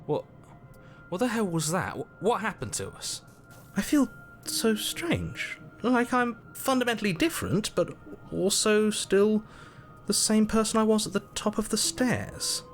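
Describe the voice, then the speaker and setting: A man voicing a jittery, mischievous, doubting inner voice in a video game, conversational and animated. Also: high-pitched, unhurried, faint music behind, exaggerated voice. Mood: bewildered.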